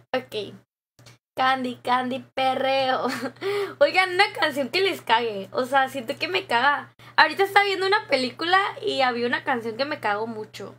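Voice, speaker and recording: Young Mexican woman, high voice, casual streamer chatting into a desk mic, reads comments aloud, laughs easily. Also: expressive, moderate pace, pushed and bright. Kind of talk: casual live-stream chat with viewers. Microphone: desk microphone.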